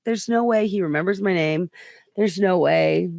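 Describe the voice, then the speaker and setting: A woman's voice: fairly low pitch, moderate pace, vocal fry, darkish tone, dry recording, studio quality. A woman comedian hosting a podcast, telling a rambling story in casual chat, full of fillers and acted-out quotes. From United States.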